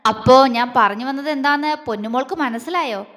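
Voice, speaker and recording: Woman reading a cocky young guy in a storybook, sneering and taunting, high voice, long reverb. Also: brisk, fairly bright tone. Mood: mocking. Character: arrogant, mocking young man.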